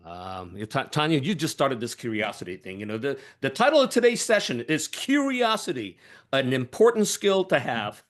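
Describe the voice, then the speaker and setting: Animated man speaking on a panel. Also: mid-range voice, normal speed. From Malaysia. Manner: animated, emphatic, with many restarts and fillers. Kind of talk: webinar panel talk.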